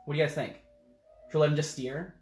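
A man's voice: fairly high pitch, steady tone, quick pace, darkish tone, reverberant, faint music behind. A man hosting a children's storytime as a drag queen, chatting casually and playfully with viewers. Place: living room at home, indoors.

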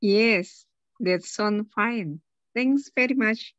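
A woman's voice: mid-range voice, drawn-out words, a bit bright, no room sound, muffled recording. A woman student carefully reading phone role-play lines in English.

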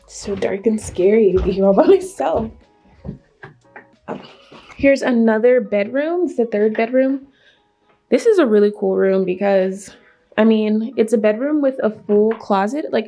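A woman's voice: mid-range voice, moderate pace, vocal fry, warm tone, faint music behind. A woman in her twenties chatting casually to viewers as she tours her empty new house, a little out of breath. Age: 20s. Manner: chatty, upbeat, talking to viewers. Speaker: vlogger. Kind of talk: casual home tour vlog.

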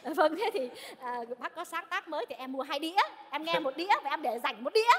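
Actress as a high, fast-talking fussy old lady, reverberant stage. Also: expressive, a crowd in the background. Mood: flustered. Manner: theatrical, fussy, exclaiming. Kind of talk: live stage comedy sketch.

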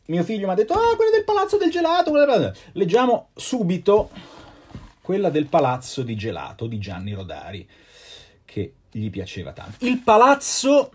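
An actor and voice actor reading children's fables aloud live, in a playful, theatrical manner with chatty asides. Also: male voice, a little high, a little mellow, husky.

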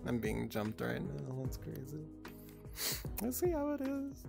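A woman's voice: very deep voice, huge pitch swings, unhurried, gravelly, music in the background. A woman in her twenties chatting casually with her stream chat, laid-back and giggly, swearing freely. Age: 20s.

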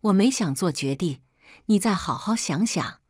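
A woman's voice: lowish voice, animated, normal speed, husky, no echo, clean studio sound. A woman voicing a cheating middle-aged husband who speaks in a curt, businesslike, impatient way. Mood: cold, impatient.

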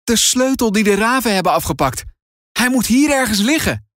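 Man voicing a young girl, anxious, eager, very high, dry close sound. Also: lively intonation, moderate pace, a bit bright, dry recording. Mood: anxious, excited. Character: young girl, nervous best friend.

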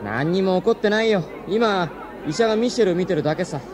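A dry, teasing young man amid a clear crowd. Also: sits high, animated, quick pace. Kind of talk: radio drama acting.

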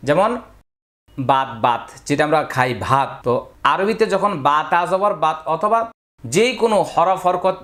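A man's voice: sits high, fairly bright tone. Patient Bangladeshi male reading teacher. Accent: Bangladeshi Bengali. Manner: patient, repeats syllables slowly for learners to copy. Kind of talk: step-by-step reading lesson.

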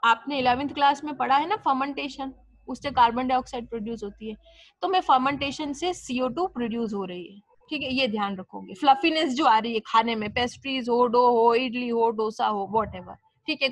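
A woman's voice: high voice, no echo. A young woman teaching a biology class, explaining step by step and answering her own questions. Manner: mixes English terms into Hindi. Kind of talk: classroom lecture.

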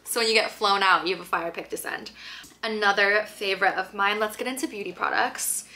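Chatty young woman vlogging from her bedroom, bright voice, lots of likes. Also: mid-range voice, brisk. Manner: chatty, upbeat, filler-heavy with lots of "like". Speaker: lifestyle vlogger. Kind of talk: casual chat to camera. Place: bedroom at home, indoors.

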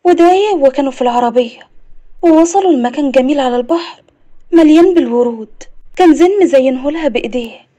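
A woman with an Egyptian accent narrating an animated story. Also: high-pitched. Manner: brisk storytelling.

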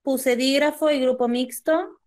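A woman answers a tutor's questions in class. Her voice sits a little high, and her replies are short and unsure. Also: fairly even intonation, a little slow, a little mellow. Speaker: student.

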